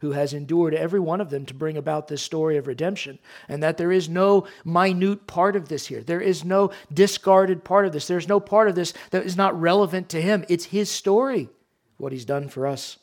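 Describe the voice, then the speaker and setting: A male pastor preaching a sermon into a pulpit microphone, earnest, swelling for emphasis and then dropping low and quiet. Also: normal speed.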